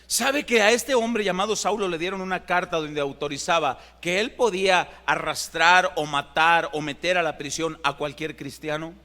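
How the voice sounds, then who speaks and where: A man's voice: a little high, fairly even intonation, normal speed, hardly any pauses, pushed and bright. A male pastor with a Mexican Spanish accent preaching an impassioned sermon in a church, building to emphatic climaxes. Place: church sanctuary. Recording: long church hall reverb.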